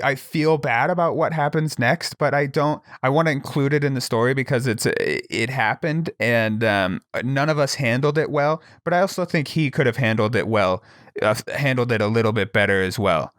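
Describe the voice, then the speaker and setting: A man's voice: medium pitch, moderate pace, dry recording. Young man telling a story, dry sound. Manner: animated, laughs and swears as he tells it. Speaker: guest storyteller. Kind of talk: casual comedic storytelling.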